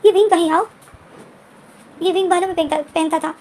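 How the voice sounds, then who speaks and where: Woman reading a scared young dad in a storybook retelling, fast and pleading, faint noise behind. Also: extremely high pitch, steady tone, a little mellow, pitched above the performer's own voice. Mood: anxious. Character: frightened young man, new father.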